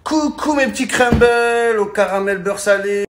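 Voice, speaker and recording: A man's voice: very high voice, a little slow, background noise, pitched above the performer's own voice. A man putting on a gushing young influencer girl. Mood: sugary.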